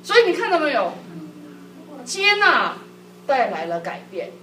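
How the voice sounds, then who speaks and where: Lively woman telling church stories. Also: high-pitched, unhurried. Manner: lively, laughing often, acts out quotes. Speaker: church speaker on marriage. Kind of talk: sermon-like personal storytelling. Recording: echoey hall, distant mic, background noise.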